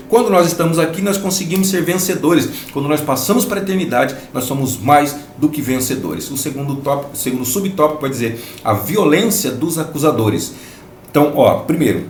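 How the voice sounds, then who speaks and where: A man from Brazil leads a Bible study lesson with an emphatic, explanatory delivery. His voice sits at a middle pitch and he often repeats phrases for stress. The room sounds echoey, with faint noise underneath. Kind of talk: Sunday school lesson commentary.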